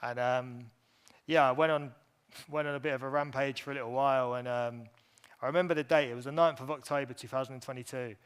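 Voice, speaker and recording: A man telling his personal story to a conference audience, candid and halting, with many fillers and restarts. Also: mid-range voice, steady tone, clear, resonant tone. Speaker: speaker at an industry event.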